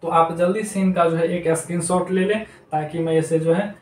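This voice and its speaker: High-voiced male teacher in an echoey room. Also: steady tone, normal speed, darkish tone. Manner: repetitive, drills terms aloud. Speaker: Hindi grammar teacher. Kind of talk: classroom lesson to children. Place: noisy room. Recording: echoey room, distant mic, faint noise.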